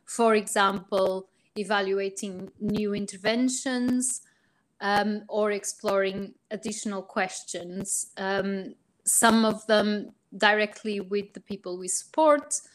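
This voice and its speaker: A Portuguese woman, a research psychologist, explains her work as a podcast interview guest in a mid-range voice. She's measured but full of ums and rephrasings, and the audio quality is poor.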